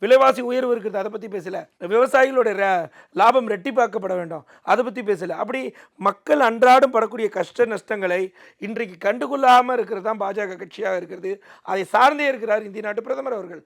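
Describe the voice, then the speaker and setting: A man speaks in a distinctly high register with a lot of gravelly creak. He argues politics as an interview guest in an emphatic, oratorical way. He often repeats a phrase to drive the point in. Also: a little fast. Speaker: political commentator, debate guest.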